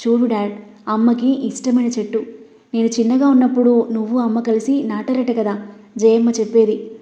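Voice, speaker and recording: A woman's voice: a little high, flat delivery, moderate pace, dark tone, natural voice. Woman narrator voicing a heartbroken young son, pleading, dull roomy recording. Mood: grieving. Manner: pleading, sorrowful. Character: grieving young man missing his mother.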